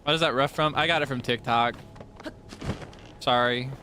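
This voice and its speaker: A man's voice: medium pitch, moderate pace, pushed and bright, slight background noise. A man livestreaming a game, chatting casually and playfully with his viewers. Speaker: livestreamer, VTuber. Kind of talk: casual gaming livestream chat. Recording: music behind the voice. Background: game music.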